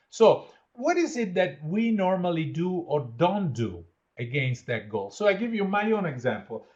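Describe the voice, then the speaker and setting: The highs are cut off in this recording of a fairly high-pitched, Italian-born trainer with an Italian accent. Leading an online workshop, he reads participants' answers aloud and encourages them, frequently saying "absolutely".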